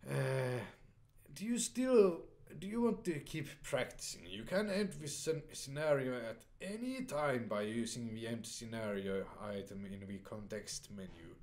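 A young man plays a strategy game for a let's play, commenting casually in a medium-pitched, slightly slow voice. He hesitates often, with many fillers and restarts, and reads the on-screen dialogue aloud in a flat voice.

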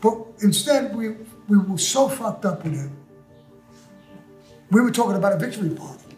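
A man's voice: sits high, normal speed, a little mellow. An older man, telling his story bluntly and profanely in a recorded interview. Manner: blunt, profane, tough-talking. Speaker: interview guest. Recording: roomy echo with faint music.

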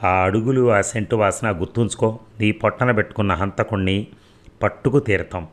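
A calm, firm detective with a steady, reassuring way of speaking, as a man reads him. The voice is deep and low, read from an audio novel. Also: normal speed, close to an everyday voice.

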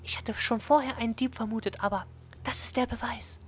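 Man putting on a high, breathy, excitable young woman librarian. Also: a little fast, full character voice. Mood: excited, secretive. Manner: breathy falsetto, often dropping to conspiratorial whispers. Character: excitable, secretive young female librarian, conspiratorial and eager.

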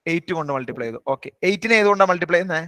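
A man teaching an online maths class. His voice is high and bright, and he talks quickly. The sound is close and dry, with no room around it. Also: expressive, no room sound. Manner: brisk, coaxing, teasing students by name. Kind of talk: live online class, questioning students.

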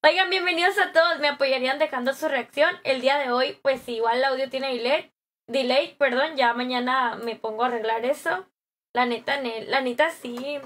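A young Mexican woman streaming live, chatting with viewers in a bubbly, slangy way, her voice a little hoarse from a sore throat. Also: high voice, steady tone, normal speed, a bit bright. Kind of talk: live stream chat, greeting viewers and reading comments.

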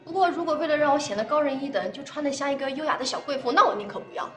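A woman's voice: high voice, racing, soft background music, natural voice. An actress playing a frank young woman in a TV drama, speaking politely with light laughter. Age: young adult. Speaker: young woman dating an older man. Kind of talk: TV drama acting.

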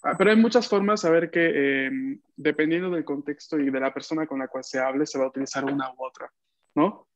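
A man's voice: on the high side, brisk. Patient male teacher on a video call. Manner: patient, repeats phrases for students to echo. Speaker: language teacher. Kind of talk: online class teaching. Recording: dull dry video-call audio.

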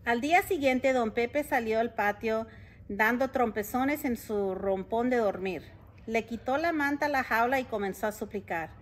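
A woman reading a picture book aloud to children in an expressive storytelling manner, with chatty asides about the pictures. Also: a little high, normal speed. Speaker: school board president reading to children.

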